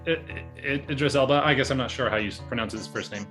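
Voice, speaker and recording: A podcast co-host reviews a movie in a casual chat, speaking quickly in a medium-pitched, sharp-toned voice. He's hesitant and rambling, often correcting himself. Music plays behind his voice.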